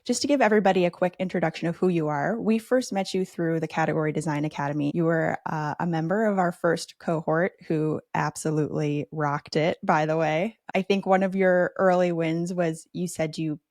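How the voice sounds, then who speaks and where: A woman's voice: low-pitched, fairly even intonation, a little fast, few pauses, darkish tone, no echo, clean studio sound. A woman hosting a podcast, introducing her guest and asking questions in an upbeat, enthusiastic way. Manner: upbeat, enthusiastic, many "super" and "right?". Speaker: podcast host.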